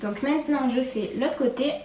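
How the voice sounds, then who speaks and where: A young woman with a regional French accent and a slightly high voice talks viewers through a hair tutorial in a relaxed, chatty way. She sits some way back from the camera in an echoey room, with a faint hum of noise behind her. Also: normal speed, recorded from a distance. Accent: regional French accent with a marked "hein". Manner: chatty, relaxed, lots of "hop" and "voilà" while working. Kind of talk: casual how-to demonstration. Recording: echoey room, speaker away from the mic, faint background noise.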